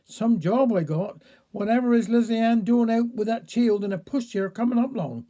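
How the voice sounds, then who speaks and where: Man doing an old cornish countryman, grumbling, slow drawl, high mellow voice. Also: muffled recording.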